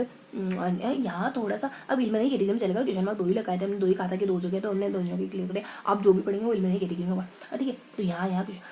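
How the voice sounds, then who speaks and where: Woman revising study notes aloud, rapid delivery, stumbling over half-remembered terms, faint background hiss. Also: medium pitch, warm tone, poor audio. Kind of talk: casual study session.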